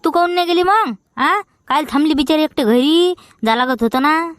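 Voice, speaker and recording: A grumbling, bantering young village man with a Vidarbha Marathi accent, played by a woman. The voice stays high for the part, and the recording is dry and close. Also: normal speed, no echo. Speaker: comedy actor. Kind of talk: rural comedy sketch acting.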